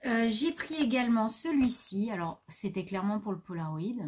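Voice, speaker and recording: Animated at a moderate pace, this woman's medium-pitched voice is darkish and a bit rough. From France, she chats through a craft-supply haul at home, digressing and addressing her pet, over faint background noise.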